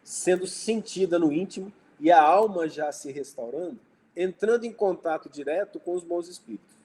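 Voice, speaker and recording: A spiritist lecturer with a Brazilian Portuguese accent gives an informal religious study talk in a high-pitched, dark, husky voice at normal speed. He keeps it conversational, telling anecdotes and acting out dialogue, though the audio quality is poor.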